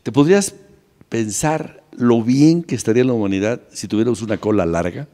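A man's voice: medium pitch, brisk, dark tone, big-room sound. A man with a Mexican accent, a TV talk show host, rambling playfully in casual studio banter. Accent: Mexican Spanish. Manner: playful, rambling, joking musings.

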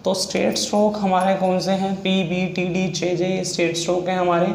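A man's voice: high-pitched, little pitch movement, a little fast, gravelly. A man teaching a shorthand lesson, explaining each step over and over. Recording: echoey room with faint noise.

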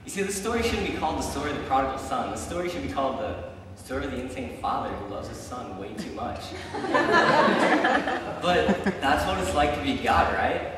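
A man's voice: medium pitch, very animated, fast, noisy background. A young man giving a casual, chatty sermon, telling stories with frequent ums and likes. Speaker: preacher. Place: church sanctuary. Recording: echoey church hall from far off.

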